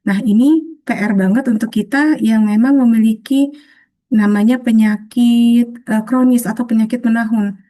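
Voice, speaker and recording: Woman, healing webinar facilitator, video call, gentle patient teaching, relaxed warm tone. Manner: soft, patient, often addresses listeners as friends; acts out short self-talk phrases in a higher voice. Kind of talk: gentle teaching talk on self-talk.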